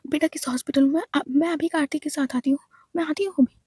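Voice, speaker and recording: A frantic middle-aged mother from a storybook, her voice climbing high as anxious questions tumble out fast, put on by a woman reading aloud. The tone stays soft and mellow. The recording is close and dry. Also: steady tone, dry recording, close to an everyday voice. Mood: worried.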